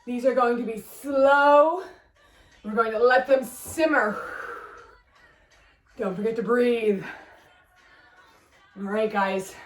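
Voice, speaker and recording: A woman's voice: fairly high pitch, slow pace, long pauses, echoey room, recorded from a distance, soft background music. A woman fitness instructor leading a workout class, upbeat as she counts reps and cues form while exercising along.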